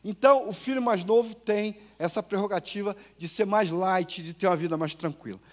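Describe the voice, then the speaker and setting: A Brazilian pastor delivers a sermon to his congregation in a high voice. He tells homely stories and throws questions to the pews, swinging from loud bursts to hushed asides. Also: fairly quick. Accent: Brazilian Portuguese. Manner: storytelling, lively swings between loud and hushed. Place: church.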